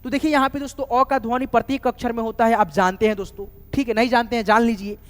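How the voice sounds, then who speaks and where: An English teacher with an extremely high, fairly even voice talks fast in a reverberant room, teaching how to write names. He spells words letter by letter, keeps checking in with students, and repeatedly says "doston" and "theek hai."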